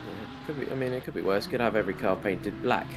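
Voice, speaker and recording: A man's voice: lowish voice, quick pace, noisy background. A man commentating a sim race with chatty, laughing banter. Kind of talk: casual esports race commentary.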